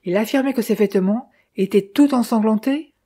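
A woman's voice: fairly high pitch, moderate pace, warm tone, husky. A woman reading a stern, insistent older brother. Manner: insistent, questioning, reasoning. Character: stern man pressing his brother to confess.

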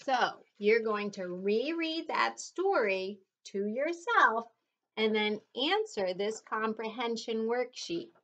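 A woman's voice: a little high, expressive, takes it slowly, fairly bright tone, lo-fi sound. A woman teacher reading a storybook aloud to her class and then giving them patient, encouraging instructions.

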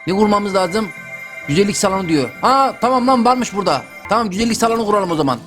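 A young gaming YouTuber talks straight to his viewers during a joking let's-play, his high-pitched voice moving fast. He's excitable and playful, with soft music in the background.

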